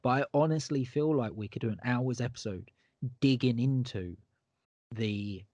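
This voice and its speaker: A man's voice: medium pitch, normal speed, darkish tone, no room sound. Enthusiastic man chatting on a podcast. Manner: enthusiastic, emphatic, repeats himself. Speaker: podcast co-host. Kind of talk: casual horror podcast chat.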